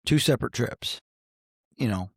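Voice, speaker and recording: A man's voice: mid-range voice, animated, normal speed, creaky, husky, no echo, clean studio sound. A man in his forties from Cincinnati, a coach who is a podcast guest, telling stories in an earnest, folksy way with many restarts. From Cincinnati, Ohio, United States. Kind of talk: reflective conversational storytelling. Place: podcast studio.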